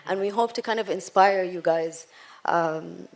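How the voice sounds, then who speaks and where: A woman's voice: on the low side, unhurried, vocal fry. A woman moderating a panel discussion, upbeat and chatty with some fillers.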